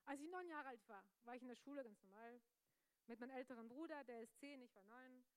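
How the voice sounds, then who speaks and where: A young woman preaching a lively youth sermon, energetic and joking with the audience, laughing often. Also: sits high, fast, smooth, no room sound.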